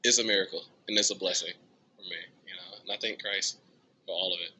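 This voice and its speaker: A young drummer from the US talks fast and chattily about his music in an interview, his very bright voice set against light noise on a low-quality recording. He's animated, and his pitch shoots up into squealing bursts whenever he quotes himself.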